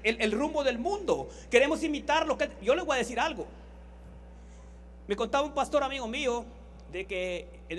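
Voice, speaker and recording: High-voiced Honduran man preaching. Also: a bit bright, a little hiss or hum. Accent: Honduran Spanish. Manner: storytelling, repeating words and phrases for emphasis. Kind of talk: sermon with anecdotes.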